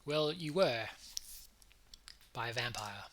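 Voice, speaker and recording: A man voicing a gentle, worried male unicorn in a visual novel, speaking softly, haltingly and earnestly. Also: mid-range voice, expressive, a little hiss or hum. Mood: grave.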